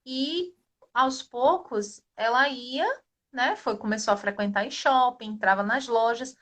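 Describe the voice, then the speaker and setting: A woman in her thirties with a Brazilian Portuguese accent, hosting a live video chat in a quick, chatty way. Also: fairly high pitch, fairly bright tone. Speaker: live show host.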